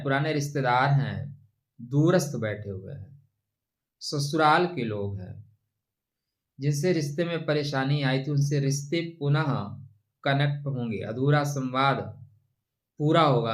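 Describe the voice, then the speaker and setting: Slow-speaking Hindi astrologer man. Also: a little high. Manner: measured, advising, addresses listeners as friend. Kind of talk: horoscope talk to camera.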